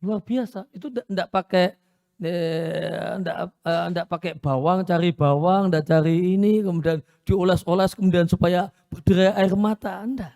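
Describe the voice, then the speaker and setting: Man preaching in a warm, dry voice. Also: high voice, normal speed, vocal fry, dry recording. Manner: storytelling, repeats phrases for emphasis. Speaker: Islamic preacher. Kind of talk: sermon lecture. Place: Islamic boarding school.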